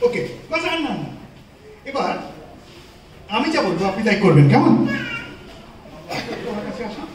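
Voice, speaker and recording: A man's voice: sits high, big pitch swings, normal speed. Showy magician man, distant and echoey. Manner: showy, mixes English counting and patter into Bengali. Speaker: stage magician. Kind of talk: live magic show patter to an audience. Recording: distant, echoey room with crowd noise.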